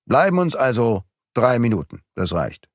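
A man's voice: mid-range voice, sing-song, normal speed, no room sound, clean studio sound, voice pushed up. A man voicing a mocking, menacing male court clerk with a revolver, who talks in clipped, pressing bursts, for an audiobook.

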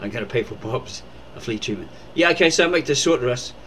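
A man's voice: medium pitch, expressive, fast talker, a bit bright, slight background noise, rough recording. A man rambling casually in a birthday video, full of fillers, recorded indoors at home. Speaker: uncle making a birthday video.

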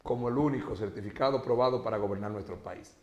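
A man's voice: lowish voice, fast talker, reverberant, dull audio. A man with a Dominican accent hosting a political talk show, speaking emphatically and in a preachy, teasing way. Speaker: host.

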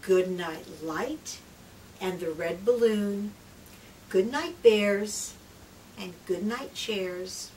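Captured by a far camera microphone with noticeable room noise, a middle-aged woman in a small book-lined room reads a picture book aloud to young children in a mid-range voice. She's a read-aloud presenter and trainer, speaking gently and expressively, stretching phrases, whispering softly, and posing questions to her listeners.

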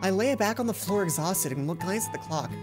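With a mid-range voice and lively intonation, a young adult woman reads a visual novel aloud at a fairly quick pace for a let's play. She sits at a computer in an indoor room, speaking into a headset as game music plays.

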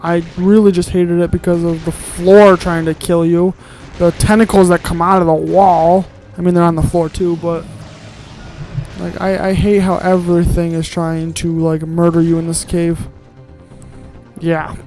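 A man's voice: on the high side, little pitch movement, measured pace, darkish tone, faint music behind, poor audio. A man giving casual, grumbling let's-play commentary while he plays, with sarcastic asides and casual swearing.

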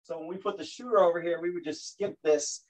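New York man, coach explaining plays over a video call, slightly high voice, animated and self-mocking. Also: brisk, poor audio. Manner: animated, repeats words, self-deprecating jokes. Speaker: basketball coach.

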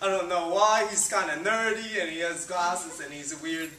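Heavy background noise surrounds this high-pitched man, who talks at normal speed with fairly even intonation. In his twenties and from the Philippines, he leads student ministry and gives a chatty, upbeat informal sermon full of fillers on a church hall stage. A distant camera with no visible mic captures roomy hall acoustics.

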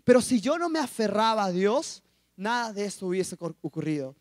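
A young man in his twenties giving an emotional personal testimony at a school assembly, telling his story with animated, acted-out quotes. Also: sits high, fairly quick, no room sound, studio quality. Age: 20s. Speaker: youth speaker.

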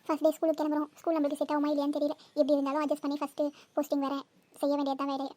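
A woman's voice: sits high, monotone, dark tone, natural voice. A woman voicing a nervous young teacher on her first day in a cartoon, talking in a fretful rush. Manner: fretful, hurried.

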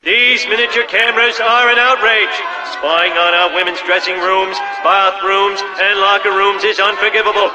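A man voicing Mayor Quimby, high, blustering politician. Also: level tone, moderate pace, hardly any pauses, noisy background, close to an everyday voice. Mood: indignant. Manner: orating. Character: pompous, blustering middle-aged cartoon city mayor. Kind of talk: cartoon video game acting.

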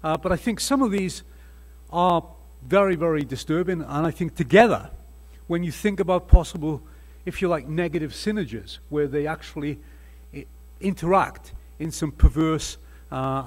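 At a conference panel table, an older Welsh-accented man gives a slide talk through a table microphone. His husky voice is slightly high and a little mellow, at a moderate pace, and his earnest, emphatic lecturing includes restarts.

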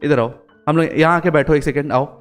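A man hosting a casual game role-play, talking excitedly with lots of exclamations and fillers. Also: fairly high pitch, a little fast, smooth, faint music behind. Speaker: gaming channel host.

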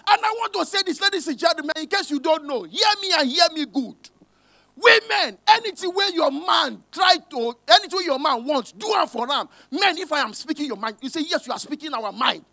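A man with a Nigerian accent doing stand-up comedy in Pidgin and English on a cinema stage. He talks loud and punchy, shouts his punchlines and slips into the voices of the people in his stories. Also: very high-pitched, expressive, a little fast, vocal fry, no room sound. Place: cinema hall stage with a live audience. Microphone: handheld mic. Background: audience laughter.

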